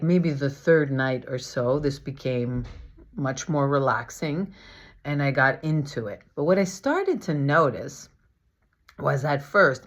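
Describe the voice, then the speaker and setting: A woman vlogger telling her own story casually, animated and confessional, acting out what others said. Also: sits low. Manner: animated, confessional, acts out quoted speech. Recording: slightly dull lo-fi sound.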